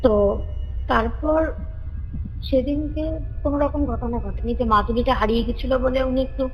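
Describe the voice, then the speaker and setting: A woman calls in to tell a family ghost story in a casual, conversational way, often circling back to repeat phrases. Her voice is fairly high, and the reverberant call recording carries music in the background along with a slight hiss or hum.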